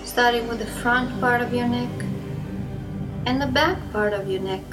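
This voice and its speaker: A woman leads a hypnosis induction, speaking slowly and softly in a soothing, even manner. Her voice sits fairly high. New-age music plays clearly beneath her words. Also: poor audio. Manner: soft, slow, soothing instructions. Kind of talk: slow guided hypnosis induction. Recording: music bed behind the voice.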